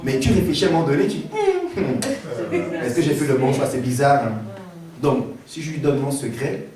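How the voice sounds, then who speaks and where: A man preaching a lively, playful sermon and calling out to his congregation during a church service. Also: medium pitch, normal speed, a crowd in the background. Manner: animated, playful storytelling, calls to the congregation. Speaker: pastor. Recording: roomy church hall, distant mic, congregation.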